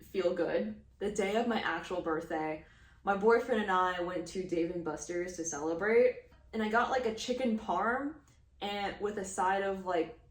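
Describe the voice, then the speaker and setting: A woman's voice: mid-range voice, echoey room, recorded from a distance. A woman of thirty from Houston, chatting casually in a rambling way, full of fillers and small laughs. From Houston, Texas. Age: 30s. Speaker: crochet vlogger. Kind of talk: casual chat.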